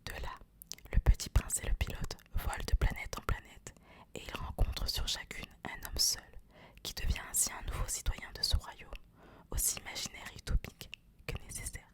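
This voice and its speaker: A young adult woman doing ASMR book talk in a hushed, breathy library whisper with no voice behind it. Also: moderate pace. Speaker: host of a book recommendation video. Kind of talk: whispered ASMR talk about favourite books, with some reading aloud.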